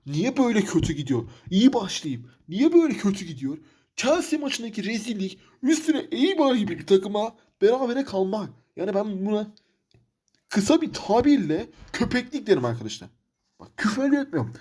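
A man's voice: sits high, very animated, moderate pace, darkish tone, breathy edge. A man commentating his football manager game career, frustrated and ranting, repeating himself. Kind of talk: let's-play commentary.

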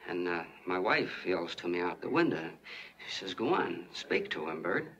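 An actor playing a folksy small-town soda jerk who tells a long, earnest, rambling story in 1940s film style. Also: male voice, low-pitched, very animated, normal speed, fairly bright tone, full character voice. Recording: muffled, hissy 1940s film soundtrack.

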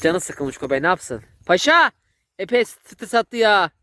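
A man, vlogging outdoors in a village and excitedly calling to a dog. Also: high-pitched, unhurried. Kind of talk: casual vlog commentary.

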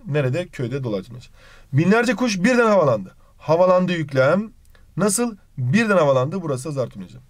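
A young man teaching an exam-prep grammar lesson, quickly asking and answering his own questions, recorded close and dry. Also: a little high, a little mellow, no room sound.

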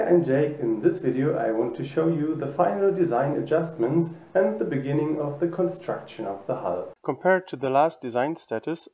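A man narrating a scripted woodworking tutorial in an even, matter-of-fact way. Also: mid-range voice. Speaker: woodworking channel host.

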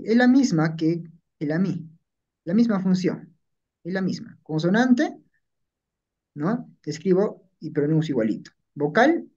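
Guy teaching a class, kinda high voice, keeps asking "right?", muffled recording. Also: darkish tone, husky. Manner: explains patiently, checking in with "¿no?" and "¿ya?". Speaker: language teacher. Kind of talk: classroom lesson. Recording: dull lo-fi recording.

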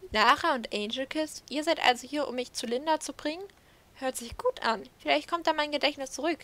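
A woman's voice: sits high, a little fast, a bit bright, voice pushed up. A woman reading aloud the lines of a lost male spirit horse from a game, solemn and dreamy.

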